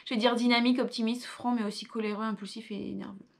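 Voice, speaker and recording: A woman's voice: on the high side, fairly even intonation, quick pace, gravelly. A young woman, reading quiz questions aloud and answering with offhand asides in a casual vlog. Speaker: vlogger.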